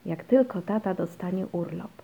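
A woman reading a children's storybook, voicing a tired but patient mother who stays gently firm. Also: fairly low pitch, normal speed, vocal fry, husky. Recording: dull lo-fi recording.

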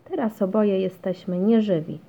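A woman's voice: medium pitch, moderate pace, natural voice. A woman reading a children's storybook, voicing a sulky, grumpy young boy who grumbles glumly. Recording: dull lo-fi recording.

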